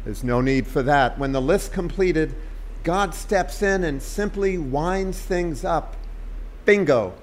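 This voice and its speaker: A man's voice: on the high side, lively intonation, takes it slowly, a little hiss or hum. A man reading the lines of an anxious, urgent young American man in an audiobook.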